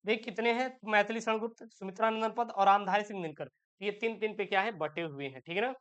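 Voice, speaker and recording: A man teaching an exam-prep lesson. His voice is smooth and clean but sounds muffled through a dull, lo-fi recording. He reads passages slowly and keeps posing questions that he answers himself. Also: high voice, a bit bright. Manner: reads set texts aloud slowly.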